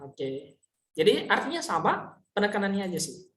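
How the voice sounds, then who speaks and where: A very animated woman of medium pitch teaches Mandarin online in a casual style, her voice bouncing around an echoey room. She explains with patience, slows down for example sentences and regularly makes sure students understand.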